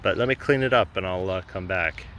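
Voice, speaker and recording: A man's voice: deep voice, brisk, fairly bright tone. A man casually narrating a metal detecting vlog outdoors, thinking aloud a little hesitantly as he goes. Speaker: metal detecting hobbyist showing finds. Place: outdoors in a field or yard. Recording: clear outdoor background noise.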